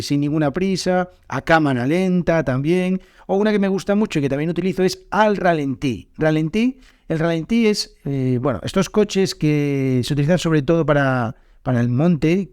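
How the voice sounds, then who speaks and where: A man, hosting a podcast lesson and explaining grammar in a relaxed, unscripted way with many fillers and pauses. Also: on the high side, no echo, studio quality. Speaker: podcast host and Spanish teacher.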